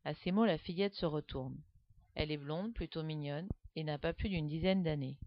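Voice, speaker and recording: A woman narrating a children's story with a lively, expressive reading, on a dull, dry recording. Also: deep voice, normal speed, no room sound.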